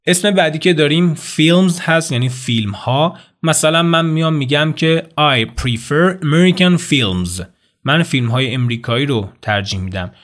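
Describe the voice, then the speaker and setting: Guy teaching english in persian, mid-pitched voice, slows right down for the english examples. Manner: explains in Persian, says English examples slowly and clearly. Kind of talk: video lesson explaining English.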